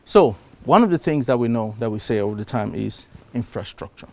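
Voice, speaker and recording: A middle-aged man from Cameroon giving a live talk to a conference audience. He gets louder to stress his points, then drops down again. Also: mid-range voice, brisk, creaky. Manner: animated, shifts loudness for emphasis. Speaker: conference speaker. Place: conference stage before an audience.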